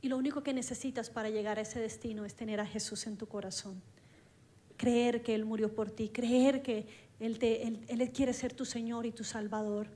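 High-voiced woman preaching animatedly. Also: normal speed. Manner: lively, acts out dialogue, laughs along with her story. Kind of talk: storytelling sermon.

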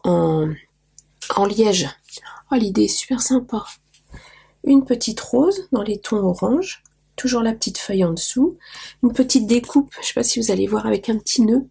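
Woman w/ a raspy hoarse voice, kinda mellow, chatting away to her viewers, gushing over everything. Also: fairly high pitch. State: losing her voice. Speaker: craft vlogger opening mail. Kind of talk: casual show-and-tell to viewers.

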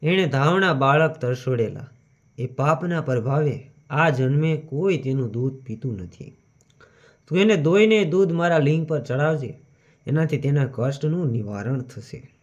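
A man's voice: on the high side, expressive, a little slow. A man voicing a benevolent male deity who gives instructions with authority in a spoken devotional story, recorded lo-fi. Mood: commanding. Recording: dull lo-fi recording.

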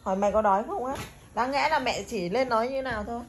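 A woman's voice: fairly high pitch, quick pace. A woman in a casual family chat, prodding a child with teasing questions. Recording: echoey home room, faint noise.

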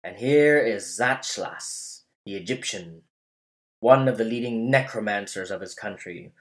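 A man's voice: fairly low pitch, close to an everyday voice. A man reading as an old man pleading for vengeance. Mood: accusing. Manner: impassioned pleading oratory. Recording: roomy echo.

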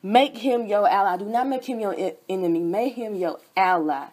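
A woman's voice: medium pitch, moderate pace, darkish tone. A young woman hosting a sermon broadcast, preaching fervently with repeated chanted refrains. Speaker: host and preacher.

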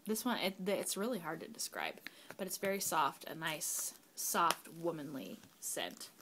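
A woman's voice: low voice, very animated, measured pace, fairly bright tone, slight background noise. A young woman, a mother at home, chatting casually through a candle review, rambling with fillers and sometimes dropping to a whisper. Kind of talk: casual product review vlog. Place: home, kids nearby.

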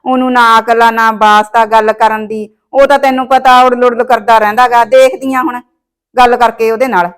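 A woman's voice: a little high, fairly even intonation, moderate pace, clear, resonant tone, lightly acted. A woman playing a domineering, scheming mother-in-law in a village comedy short film, scolding her son. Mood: gossiping.

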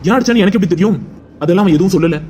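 A man's voice: high-pitched, racing, darkish tone, close to an everyday voice. A man voicing a grieving, loyal young man in a cartoon drama, talking in an earnest, pleading way. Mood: defensive. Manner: earnest, pleading, tearful monologue.

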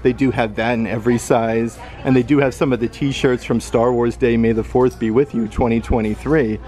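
An upbeat man talks his way casually through a store, chatty and full of little fillers. His voice sits at a middling pitch, picked up by a handheld camera indoors. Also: steady tone, normal speed, darkish tone. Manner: upbeat, lists prices, many fillers like "uh" and "like". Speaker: vlogger. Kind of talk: casual shopping walkthrough narration.

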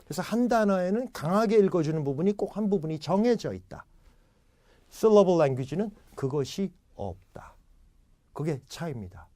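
A man's voice: sits high, moderate pace, no echo. A man giving an English lecture, acting out little example dialogues as he explains. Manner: animated, acts out example dialogues. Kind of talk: classroom lecture.

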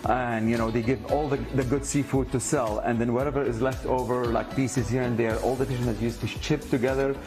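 A man from Syria in his forties, a chef and restaurant owner, talking haltingly with many fillers in a restaurant. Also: mid-range voice, steady tone, music in the background. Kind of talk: casual interview and cooking demo. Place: inside a restaurant dining room. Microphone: lapel mic.

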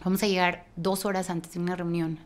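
A woman with a Mexican accent, who is a worship leader, tells a story in a lively conversation. Her voice is lowish and fairly quick, and she laughs often and restarts phrases with emphasis.

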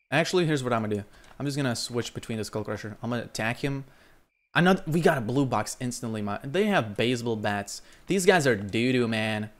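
A young man from Lithuania, streaming live gameplay commentary into a headset and talking to his chat, breaking into loud exclamations. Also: medium pitch. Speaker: gaming streamer.

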